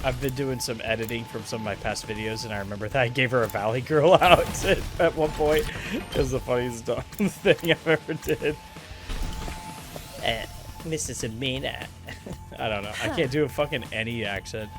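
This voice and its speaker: A man giving easygoing let's play commentary. He laughs often, swears casually and speaks at an ordinary pitch. Clear game music plays behind him. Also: normal speed. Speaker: gaming channel host.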